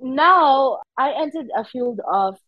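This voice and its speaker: A woman's voice: high-pitched, takes it slowly, dry recording, muffled recording. Zimbabwean woman telling her career story. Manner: animated storytelling with frequent laughs and quoted asides. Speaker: interview guest, humanitarian worker. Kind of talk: casual interview conversation.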